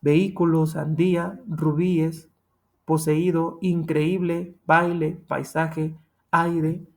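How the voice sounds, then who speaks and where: A man's voice: on the high side, flat delivery, slow, gravelly, darkish tone. A man with a Mexican accent teaching a grammar lesson, patient and repetitive, often checking in with "ok?". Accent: Mexican Spanish.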